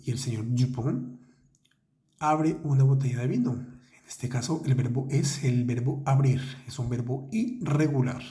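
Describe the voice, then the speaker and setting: A man teaching French in Spanish in a patient, methodical way. He slows down to model each French word. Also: medium pitch, mellow. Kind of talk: language lesson.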